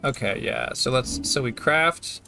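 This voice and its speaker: A man's voice: huge pitch swings, unhurried, gravelly. Male gamer, mid-range voice, unfussy thinking-aloud commentary, faint music bed. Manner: low-key, thinking aloud. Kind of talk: casual game commentary, reading menus aloud. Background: game music with plucked guitar.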